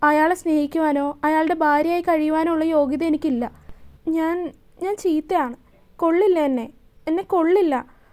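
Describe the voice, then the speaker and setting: A woman voicing a tearful young woman who talks hesitantly, halting and repeating her words. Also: high-pitched, a little mellow, natural voice.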